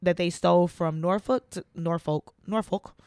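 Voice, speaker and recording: A woman co-hosting a true crime podcast in casual chat, animated and slangy, acting out quotes. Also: fairly low pitch, moderate pace, clean tone, no echo, studio quality. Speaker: podcast co-host.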